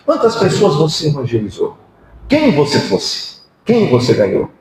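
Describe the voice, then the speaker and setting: Impassioned Brazilian pastor in echoey hall. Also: male voice, on the high side, wildly swooping pitch, moderate pace, a little mellow, a little hiss or hum. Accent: Brazilian Portuguese. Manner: impassioned preaching with rhetorical questions. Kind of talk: sermon. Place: church hall.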